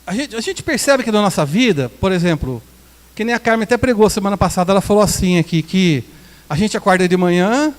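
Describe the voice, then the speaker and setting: High-voiced brazilian pastor joking his way through a sermon, echoey church hall. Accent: Brazilian Portuguese. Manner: conversational, jokey preaching with acted-out quotes.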